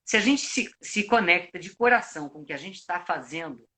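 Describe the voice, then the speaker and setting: On a live video call, a Brazilian actor and coach gives advice with a Brazilian Portuguese accent. His voice is high and sharp, with lively intonation and a fairly quick pace. He explains at length, reflectively, often restarting his sentences.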